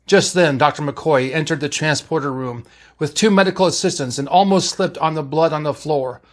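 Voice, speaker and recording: A man reading fan fiction aloud as narrator, in a steady, plain storytelling way. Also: a little high, moderate pace.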